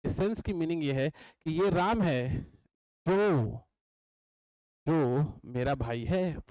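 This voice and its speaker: A man's voice: fairly high pitch, lively intonation, slow pace, darkish tone, dry recording, low-quality recording. A young man giving an exam-coaching lecture. He explains in a chatty way, repeats his points and often checks that the class is following. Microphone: writes on a board while talking.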